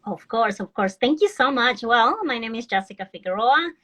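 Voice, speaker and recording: A woman's voice: a little high, animated, moderate pace, bright, forceful tone, low-quality recording. A woman from Ecuador, a financial advisor, speaking earnestly as a guest on a video call and often restarting her sentences. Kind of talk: casual live-stream interview.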